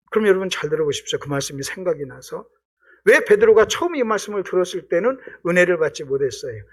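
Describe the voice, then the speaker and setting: A middle-aged man preaching a revival sermon in a church, acting out quoted voices with sudden shouts and drops. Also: high voice. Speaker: guest pastor. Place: church sanctuary.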